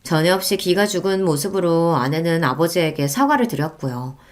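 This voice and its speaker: A woman calmly reading a scripted first-person story as narrator. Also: fairly low pitch, a little fast. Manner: calm, even storytelling.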